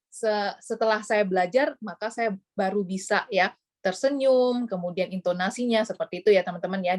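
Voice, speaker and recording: A woman giving casual training tips on presenting, chatty and full of fillers, acting out short examples. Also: fairly high pitch. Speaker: sales trainer.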